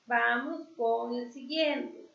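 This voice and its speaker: High-pitched lady teacher going over grammar, slow, kinda muffled lo-fi. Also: vocal fry, a bit bright. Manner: slow, explanatory, with fillers. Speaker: English teacher. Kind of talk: online class review. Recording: echoey, dull lo-fi sound.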